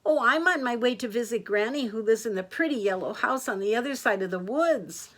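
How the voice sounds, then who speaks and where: A woman voicing a sweet, polite, naive little girl in a storybook tale, earnest and halting. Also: on the high side, lively intonation, a bit bright. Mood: innocent, polite. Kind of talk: storybook character voice.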